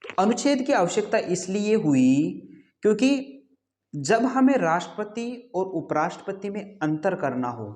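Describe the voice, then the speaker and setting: A man's voice: on the high side, a little mellow. A man teaching an exam-prep class, who asks rhetorical questions, answers them himself and repeats key terms. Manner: repeats key terms, says "ठीक है" often.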